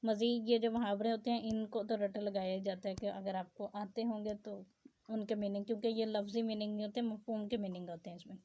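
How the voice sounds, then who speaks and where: A woman's voice: mid-range voice, flat delivery, fairly quick, dark tone. A woman teacher reads out a grammar lesson and explains it in plain asides. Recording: dull lo-fi sound.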